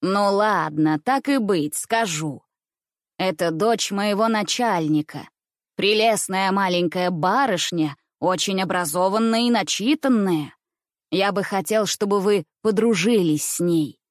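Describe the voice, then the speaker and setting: A woman voicing a kind middle-aged uncle who speaks slowly and softly to the children, in a storybook reading. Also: medium pitch, no echo, studio quality, natural voice. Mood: gentle.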